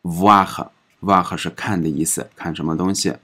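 A man teaching a recorded pronunciation lesson, patiently explaining and saying each example word several times in a drawn-out way. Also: deep voice, steady tone, breathy edge. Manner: patient explaining, ends phrases with soft particles. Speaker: French language teacher.

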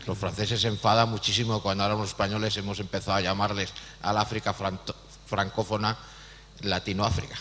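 A man's voice: on the low side, little pitch movement, brisk, a bit bright. A man in the audience asking the panel a question, lecturing with an ironic edge. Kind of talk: question from the floor. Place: lecture hall at a public event. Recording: hall reverb, faint hum.

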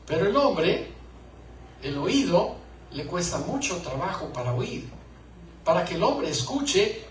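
Playful high-voiced man in a roomy hall. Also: distant mic, a little hiss or hum. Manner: playful, joking, acts out scenes. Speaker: conference speaker on marriage. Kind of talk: live talk to couples.

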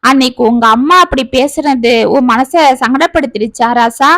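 A woman storyteller voicing a gentle, long-suffering aging village father who speaks tenderly to his children. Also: high-pitched, moderate pace, no room sound.

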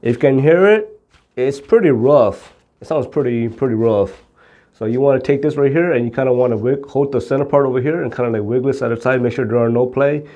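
Fairly quick and mellow, a mid-range male voice comes from a middle-aged auto repair instructor giving a plain, step-by-step explanation of car repair to camera. The sound quality is lo-fi.

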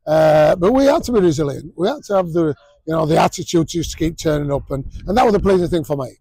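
A man's voice: a little high, lively intonation, quick pace, creaky, mellow, slightly rough, no echo, rough recording. A man, a rugby coach giving a blunt post-match interview outdoors, full of fillers and restarts. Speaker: rugby league head coach. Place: outdoors at a sports ground.

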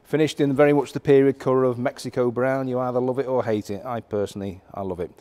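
A middle-aged man with a medium-pitched voice talks fast, giving a relaxed, unscripted walkaround of a classic car for an auction. He uses lots of fillers and restarts, and although he's in a large indoor warehouse, there's no echo.

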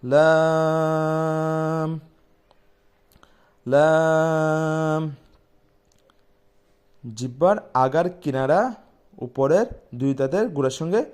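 A man teaching pronunciation, repeating each sound slowly and loudly before explaining calmly. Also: medium pitch. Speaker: Quran recitation teacher. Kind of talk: letter-by-letter pronunciation lesson.

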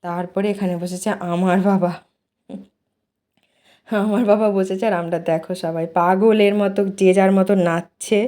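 A woman's voice: mid-range voice, steady tone, moderate pace, mellow. A woman narrating her family vlog in a chatty, casual way, with many small fillers. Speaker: vlogger and mother.

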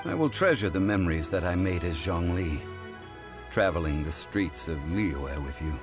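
A man voicing an ancient god living as a calm, dignified mortal, speaking in measured, formal sentences. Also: low-pitched, over music. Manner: measured, formal, stately speech. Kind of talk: video game voice acting.

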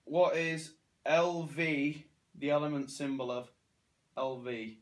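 Seated on an indoor living room sofa, a British teen boy taking part in a challenge trades relaxed quiz banter in a fairly high voice at a slow pace. A camera a little way off records him.

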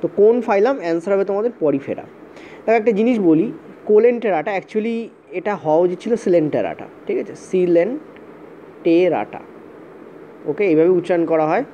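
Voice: medium pitch, expressive, fast, mellow. A teacher giving an exam-prep lecture, repeating points and checking in with "okay" often, spelling terms out letter by letter. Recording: dull, slightly lo-fi audio with faint hiss.

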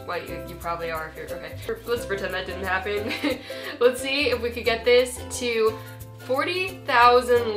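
A woman's voice: a little high, bright, forceful tone, reverberant. A young woman hosting an upbeat haul vlog, bubbly and self-mocking, giggling often between lines. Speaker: YouTuber.

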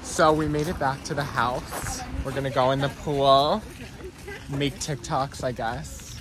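A man's voice: medium pitch, steady tone, a little slow. A young American man in his late teens chatting casually to his vlog in a bubbly, gushing, slangy manner. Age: late teens to young adult. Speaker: vlogger. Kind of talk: casual vlog chat to camera. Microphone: phone at arm's length. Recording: noisy phone vlog audio.

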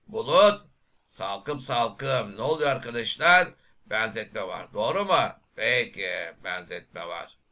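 A man teaching literature for an exam, reading verses aloud and asking his class lively questions he answers himself. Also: mid-range voice. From Turkey. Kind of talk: exam prep lecture.

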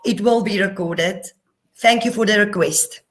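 A woman's voice: mid-range voice, measured pace. Woman hosting a webinar. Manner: polite and formal. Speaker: webinar host. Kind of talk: scripted introduction. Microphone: video call.

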